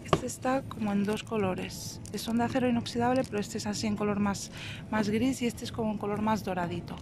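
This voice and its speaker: A woman's voice: medium pitch, fairly quick, noisy background. A woman vlogger chatting casually as she walks through a store aisle, hesitating with fillers while she reads product labels. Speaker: shopping vlogger. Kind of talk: casual shop walkthrough. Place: indoors in a large store aisle. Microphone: phone held while filming.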